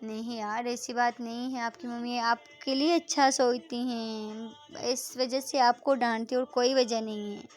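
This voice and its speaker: A woman's voice: steady tone, measured pace, soft background music, natural voice. A woman voicing a fussing young college girl. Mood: soothing. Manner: scolding, caring, high and loud.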